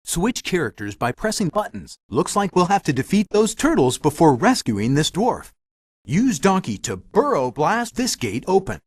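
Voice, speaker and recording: Magic Mirror, wildly animated guide. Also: male voice, high voice, normal speed, no room sound, studio quality. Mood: helpful, instructive. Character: helpful male magic mirror, theatrical fairy-tale guide. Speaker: game character giving tutorial hints. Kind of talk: scripted video game hint narration.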